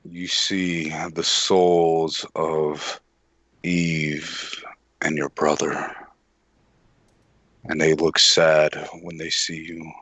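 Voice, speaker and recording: A man narrating a tabletop role-playing game as game master, describing scenes in measured detail. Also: rumbling low, level tone, fairly bright tone, no echo.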